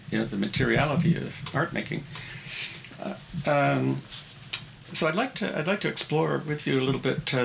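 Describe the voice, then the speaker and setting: A male interviewer with a very gravelly, bright voice feels his way through a long question, hedging and rephrasing as he goes. The room rings around him. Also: medium pitch. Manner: halting, tentative phrasing. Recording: roomy echo, faint noise.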